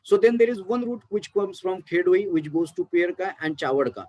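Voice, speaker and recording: A man's voice: high-pitched, lively intonation, a little fast, a little mellow, no echo, poor audio. A man with an Indian English accent giving an academic talk on archaeology, explaining step by step with many fillers. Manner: explanatory, frequent fillers and restarts. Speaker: archaeology lecturer. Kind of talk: academic presentation.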